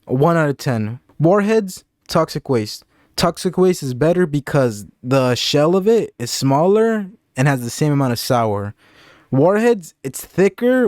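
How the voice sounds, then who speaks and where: A young man giving a casual, deadpan review of candies, with sarcastic jokes and scores out of ten. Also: on the high side, dry recording. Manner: deadpan, sarcastic, jokey asides. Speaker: candy reviewer. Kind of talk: casual comedic review vlog.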